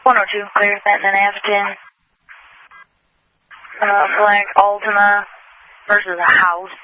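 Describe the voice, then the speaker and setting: A woman's voice: medium pitch, little pitch movement, unhurried. An American woman dispatching over police radio in clipped codes, matter-of-fact. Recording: muffled, noisy police radio with clicks.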